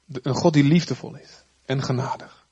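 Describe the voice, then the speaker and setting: A man preaching a sermon in a lively, conversational way with chatty asides. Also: medium pitch, normal speed, slightly rough, highs cut off. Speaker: pastor.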